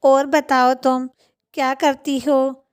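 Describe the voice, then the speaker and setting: A woman's voice: high-pitched, flat delivery, slow pace. A woman voicing a simple, cheerfully blunt village daughter-in-law in a storybook, speaking plainly and earnestly. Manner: plain, earnest, rustic talk. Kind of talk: storybook voice acting.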